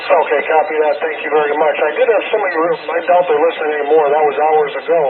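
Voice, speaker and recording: A man's voice: on the high side, fairly even intonation, quick pace, over a noisy crowd. A man working as net control on an amateur radio net, running it in polite radio procedure and repeating call signs, heard over a ham radio transmission. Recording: tinny radio transmission with loud static.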